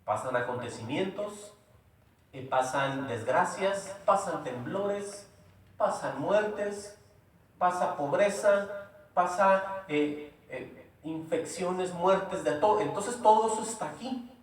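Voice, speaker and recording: A man's voice: high voice, animated, slow. A man preaching a sermon in a church, emphatic and repetitive, often asking rhetorical questions. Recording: very echoey room, voice from far off.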